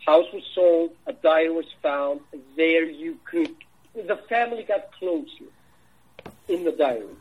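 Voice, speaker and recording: An Icelandic film director with an Icelandic accent answers interview questions haltingly, with many restarts and fillers. His voice is fairly high yet darkish and husky, and the recording is rough.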